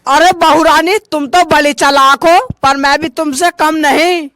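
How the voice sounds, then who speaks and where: A man's voice: very high voice, fairly even intonation, measured pace, sharp tone, no room sound, clean studio sound, full character voice. A man voicing a sly, teasing older woman who plays a mother-in-law in a comic sketch. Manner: teasing, goading.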